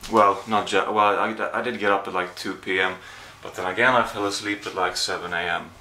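Brisk, bright and forceful, a low male voice with fairly even intonation carries this poor-quality clip, slight background noise included. The speaker is a young adult from Sweden with a Swedish accent, casually vlogging, rambling and self-deprecating, from his small apartment via a handheld camera at arm's length.

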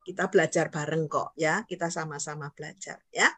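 A woman's voice: low-pitched, fairly even intonation, fairly quick, bright, forceful tone, no echo. A woman teaching Hakka in an online class, patiently modeling tone syllables for learners to repeat and checking in with them often. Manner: keeps checking understanding with "ya".

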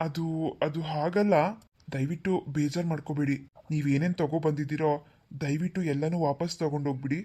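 An earnest young husband in a cartoon, politely pleading in a fairly low voice as a woman acts him. He sounds proud and determined to stand on his own. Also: fairly even intonation, fairly quick, dark tone, lightly acted. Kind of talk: cartoon voice acting.

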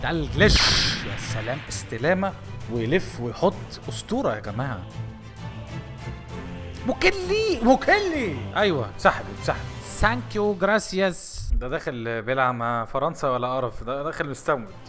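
A young man with an Egyptian accent, commentating his own football video game play in lively, teasing outbursts. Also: medium pitch, quick pace, music in the background. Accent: Egyptian Arabic. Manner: animated, shouting at the game, teasing. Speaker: gaming YouTuber. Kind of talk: excited gameplay commentary.

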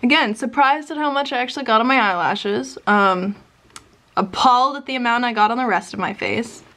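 A woman's voice: fairly high pitch, fairly quick, bright, forceful tone, slight background noise. A young woman chatting casually in a vlog, laughing often and joking sarcastically at herself. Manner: giggly, self-mocking, sarcastic. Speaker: vlogger.

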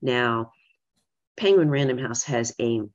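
A woman executive presents at a conference remotely, speaking conversationally and frequently ending points with "right?" Her voice is a deep rumble and she takes her time. The audio comes through a video call and sounds muffled.

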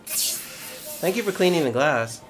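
A man's voice: fairly high pitch, animated, slow, noisy background. A man streaming a pinball game live, joking around, laughing a lot and calling out to his viewers, a little tipsy from cider. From Brooklyn, New York. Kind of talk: casual live-stream commentary. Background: faint game music.

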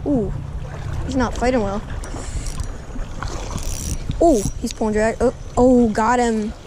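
Excitable man fishing in a river. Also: very high voice, slow pace. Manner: excitable, shouts when fish are hooked. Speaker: angler filming a fishing trip. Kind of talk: casual excited chat. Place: outdoors standing in a river. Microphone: action camera. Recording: outdoor camera audio with river noise.

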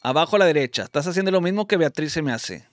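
A Mexican man hosting a live stream, calling followers and giving teasing, rapid play-by-play commentary. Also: fairly high pitch, animated. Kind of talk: lively live-stream phone game commentary.

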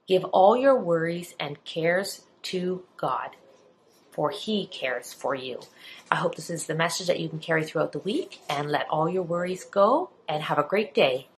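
A woman giving a short, gentle devotional message to a congregation. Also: sits low, animated, a little slow, slight background noise, poor audio.

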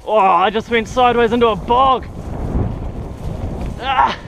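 Kiwi guy w broad accent on a bike trail, slow drawn out talk, lots of wind noise. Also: very high-pitched, creaky. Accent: New Zealand. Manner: broad Kiwi slang, exclamatory. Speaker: mountain biker filming his ride. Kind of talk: casual chat while riding. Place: outdoors on a forest bike trail. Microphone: action camera on the rider. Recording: windy, rattling action-camera audio.

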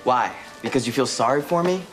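A man's voice: mid-range voice, lively intonation, brisk, lightly acted. Actor playing an earnest short teen boy. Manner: earnest, a bit hesitant and touchy. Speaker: sitcom guest actor. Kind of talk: sitcom acting. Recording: TV sitcom with loud laugh track and music. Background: loud audience laughter and music.

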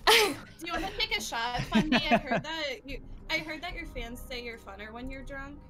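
A woman's voice: high-pitched, animated, moderate pace. A woman chatting flirtatiously as a contestant on a video call. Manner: flirty, teasing. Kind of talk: casual chat.

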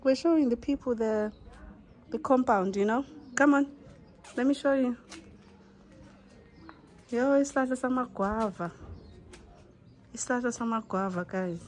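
A young woman with a Zimbabwean accent vlogging outdoors in a home yard, mixing English with Ndebele and gently coaxing a small child. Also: on the high side, a little slow, long pauses. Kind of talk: casual vlog chat.

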